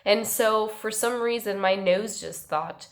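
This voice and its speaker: A book vlogger talks casually to the camera in a rambling, self-mocking way, her medium-pitched voice measured in pace. Allergies leave her sounding congested and nasal.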